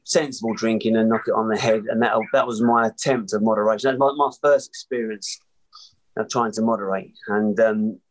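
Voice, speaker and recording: A man's voice: fairly low pitch, steady tone, brisk, slight background noise, low-quality recording. A man with an Essex accent, a podcast guest talking casually and telling his own story. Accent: Essex English. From Essex, England.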